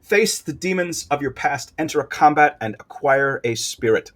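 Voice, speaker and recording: A man's voice: fairly high pitch, lively intonation, moderate pace, fairly bright tone, pitched above the performer's own voice. A man voicing an ancient beast spirit of a burning tree in a video game, making solemn, theatrical proclamations. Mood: grandiose.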